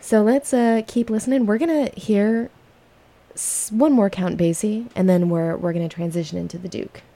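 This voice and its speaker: A woman's voice: medium pitch, normal speed, warm tone. A woman hosting a jazz radio show, chatting casually and playfully with her guest at a studio microphone. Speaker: radio host.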